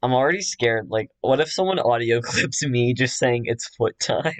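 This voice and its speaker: A man's voice: medium pitch, lively intonation, normal speed, dry recording. A man chatting casually while he draws, joking at his own expense and laughing often. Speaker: artist drawing on a stream. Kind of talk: casual chat while drawing.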